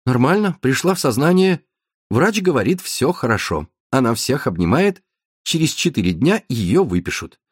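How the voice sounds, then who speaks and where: A man's voice: mid-range voice, very animated, moderate pace, slightly rough, dry recording, studio quality. Man voicing an anxious, distracted young man. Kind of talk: audiobook narration.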